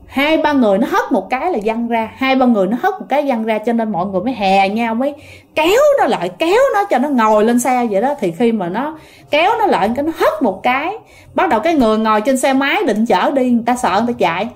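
A woman telling a ghost story casually, talking directly to her listeners. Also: high-pitched. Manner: animated, addresses listeners directly.

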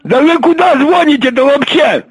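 A man's voice: very high-pitched, animated, moderate pace. Irritated man answering the phone. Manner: impatient, irritated, keeps asking who is calling. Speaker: call recipient.

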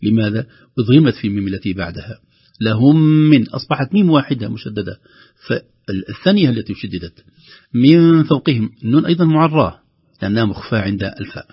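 A man teaching the rules of Quran recitation, calmly explaining each rule and then slowly chanting the example phrases. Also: mid-range voice, husky, dull audio. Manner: calm explaining, with slow drawn-out recited examples. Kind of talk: tajweed lesson with recited examples.

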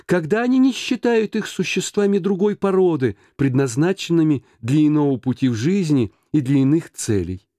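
A man's voice: fairly high pitch, animated, normal speed, few pauses, dark tone, no room sound, voice pushed up, close to an everyday voice. A man voicing a cheerful, earnest young man who pleads eagerly with his uncle, in a dry audiobook reading.

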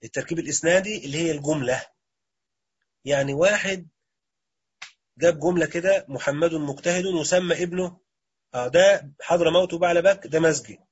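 Husky Egyptian teacher quizzing his class. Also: a little high, brisk, pauses often, muffled recording. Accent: Egyptian Arabic. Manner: quizzes students, repeats answers. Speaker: grammar teacher. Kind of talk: classroom lecture with questions.

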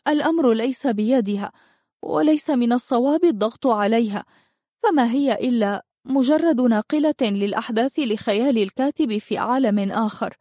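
A woman reading a storybook brings to life an insecure young fairy girl who thinks herself ugly. Her voice rides higher than the narration, anxious and wistful, full of worried questions. The sound is dry and close. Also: normal speed, dark tone, no room sound, natural voice.

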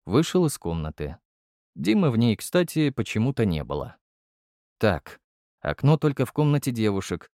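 A man's voice: mid-range voice, very animated, moderate pace, warm tone, no echo, clean studio sound. A man narrating a first-person fantasy audiobook in a brusque, blunt manner.

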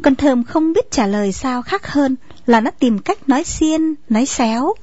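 Woman narrating a story, slightly high. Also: normal speed, no echo. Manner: steady, storytelling. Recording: dull lo-fi recording, faint music.

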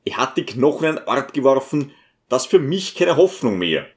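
A man's voice: mid-range voice, very animated, normal speed, lightly acted. A man reading an audiobook voices a stubborn, indignant male schoolteacher, close to his own voice. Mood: flustered. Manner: indignant, insistent.

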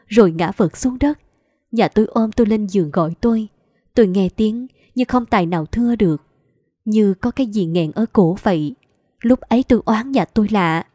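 A woman's voice: mid-range voice, warm tone, no echo, studio quality. A woman narrating a story in the first person, in a plaintive, lamenting way. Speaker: audiobook narrator.

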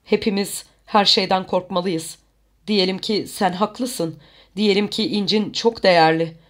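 Narrator playing a cautious older brother man, measured warnings, audiobook. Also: medium pitch, fairly even intonation, natural voice. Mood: worried. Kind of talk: audiobook character voice.

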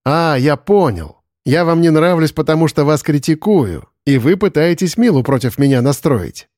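A man voicing a greedy, arrogant young man who talks down to people and flares up fast, in an audiobook. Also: lively intonation, a little mellow, no echo, clean studio sound, lightly acted. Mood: indignant. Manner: condescending, then shrill and indignant. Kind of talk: audiobook character voice.

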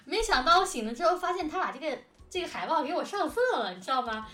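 In a casual behind-the-scenes conversation, a co-host from an audio drama team chatters away, giggly and animated. Her high-pitched, expressive voice is fast, pushed, and bright, recorded from a distance in an echoey room with soft music in the background.

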